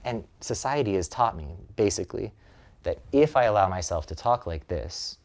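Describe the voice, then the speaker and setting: Give me a man with a very low voice, recorded up close on a microphone. He talks in a relaxed, reflective way, with lots of "like" and "um." He pauses to think as he goes. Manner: thoughtful, reflective, with frequent "like" and "um". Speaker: relating practice facilitator. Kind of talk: casual conversation. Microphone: close mic.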